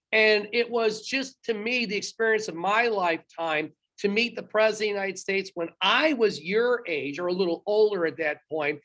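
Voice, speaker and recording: A man's voice: sits high, bright, forceful tone. Chatty male history teacher quizzing students. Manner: chatty, talks straight to students, quizzes them. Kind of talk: recorded classroom lecture.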